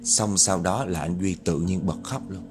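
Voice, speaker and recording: A man's voice: low-pitched, moderate pace, a little mellow. A man telling a spooky story dramatically and speaking directly to his listeners. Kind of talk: spoken horror storytelling.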